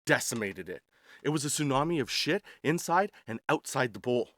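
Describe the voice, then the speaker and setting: A man's voice: mid-range voice, expressive, normal speed, a bit bright, dry recording, studio quality. A man telling casual comedic stories in a slangy, crude, sarcastic way. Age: 40s. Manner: slangy, crude, sarcastic, addressing listeners as dude. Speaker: podcast host telling travel stories.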